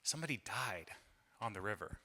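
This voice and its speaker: Bright-voiced man telling stand-up stories. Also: on the low side, lively intonation, brisk. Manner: rambling, self-deprecating, with many fillers and restarts. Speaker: comedian. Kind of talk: stand-up storytelling. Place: event hall stage. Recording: long hall reverb from a live venue.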